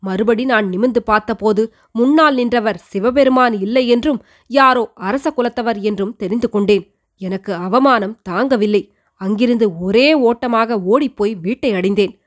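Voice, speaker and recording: A woman's voice: fairly high pitch, lightly acted. A woman reading as an elderly devout queen mother. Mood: reminiscing. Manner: earnest, measured storytelling. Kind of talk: audiobook reading of a historical novel.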